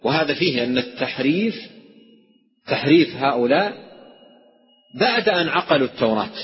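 A man teaching a creed text as a religious scholar, who explains by repeating key phrases and asking questions, then answering them. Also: a little high. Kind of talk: classroom lecture on theology. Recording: dull recording in a hall with long reverb.

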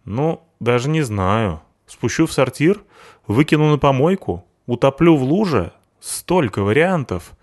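A spiteful young woman with a hissing, menacing edge, as a male audiobook reader puts her on. Her voice sits well above his own, slow and mocking. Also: mid-range voice, sing-song, a little mellow, pitched above the performer's own voice.

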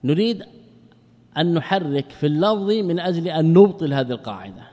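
With a big-room sound, a man gives a classroom lecture on Arabic grammar in a fairly high, expressive, mellow voice. Rhetorical questions come up and he answers them himself, slowing to spell out word forms.

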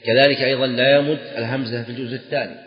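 Male religious teacher, measured lecture, repeats key phrases, echoey hall, dull lo-fi sound. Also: mid-range voice, level tone. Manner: repeats key phrases for emphasis, sing-song stresses. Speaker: teacher of Islamic jurisprudence. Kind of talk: classroom lecture explaining a text.

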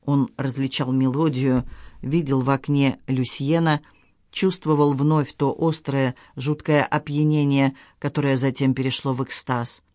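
A man reading a dramatic novel aloud as audiobook narrator, in a measured storytelling delivery. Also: mid-range voice, little pitch movement, a little mellow, dry recording, clean studio sound. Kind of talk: scripted narration.

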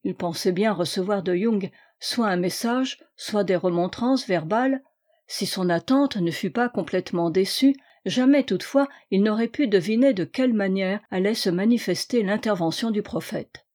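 A woman narrating a classic novel aloud in a measured, even manner. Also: mid-range voice. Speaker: audiobook reader. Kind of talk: scripted narration.

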